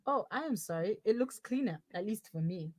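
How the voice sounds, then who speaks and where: A woman's voice: mid-range voice, expressive, brisk, darkish tone, no room sound, lightly acted. A woman playing a blunt young woman trapped in her boyfriend's body, dry and sarcastic, in a comic audio drama. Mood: teasing.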